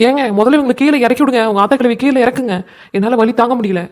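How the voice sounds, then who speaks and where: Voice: mid-range voice, fast, no echo, lightly acted. Someone voicing a dramatic defiant young wife. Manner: wailing complaints turning to loud threats. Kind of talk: cartoon comedy dubbing.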